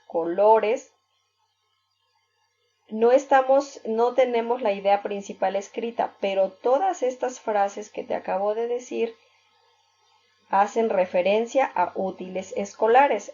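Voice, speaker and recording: A woman teacher walks through a lesson at a slow, unhurried pace, explaining patiently step by step with worked examples. The recording is dull and lo-fi. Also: medium pitch, dark tone, slight background noise. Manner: fills pauses with "este". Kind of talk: recorded reading-skills lesson.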